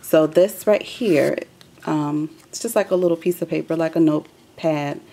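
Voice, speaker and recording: A woman's voice: low voice, normal speed, mellow. A woman hosting a craft video, chatting loosely with many ums as she shows her work at a table. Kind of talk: casual craft walkthrough.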